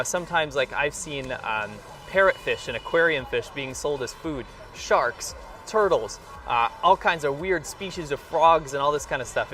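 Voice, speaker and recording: A vlog host from rural New York in the United States talks casually to camera with an American accent, enthusiastic and emphatic. His mid-range voice has a fairly bright tone. He sounds far from the mic.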